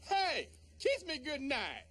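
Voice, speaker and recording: A man's voice: extremely high pitch, wildly swooping pitch, slow, pushed and bright, full character voice. A man voicing a streetwise, cocky talking food item in a fridge, in a TV sitcom.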